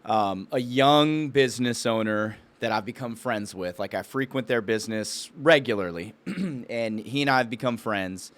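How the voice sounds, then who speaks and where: A podcast co-host who also owns a business talks in a loose, bro-ish, conversational style, as if telling a buddy a story. His mid-range voice is a bit bright, and he keeps a moderate pace with hardly any pauses.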